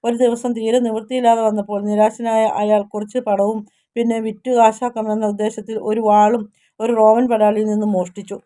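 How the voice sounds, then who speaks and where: A woman narrating a scripted devotional story in the first person, measured and steady. Her voice is mellow and soft, held in a flat, even line with little rise or fall. She stumbles and restarts a word now and then. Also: fairly high pitch.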